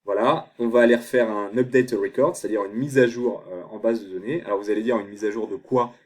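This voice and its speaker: A man explaining a software tutorial step by step, thinking aloud as he clicks through screens. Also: fairly low pitch, fairly even intonation, brisk. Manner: thinks aloud while clicking, many fillers. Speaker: online tutor.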